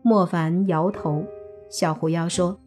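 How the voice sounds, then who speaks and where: A woman narrating a serialized suspense novel as an audiobook, steady storytelling. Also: lowish voice, slow pace, soft background music.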